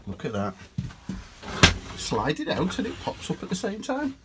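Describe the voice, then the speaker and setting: Speaking at normal speed, the man's voice sits high and swoops wildly in pitch, with a lot of noise around it. He is a British motorhome dealer and reviewer, chatting to folks through a handheld camera mic as he walks around a motorhome's interior during rain.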